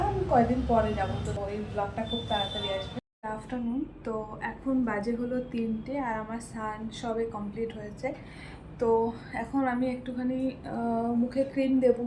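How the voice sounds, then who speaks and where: Chatty young woman vlogging at home. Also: a little high. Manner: chatty, explains each step as she goes. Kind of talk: casual vlog narration. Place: at home, kitchen and bedroom. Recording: roomy home room with household noise.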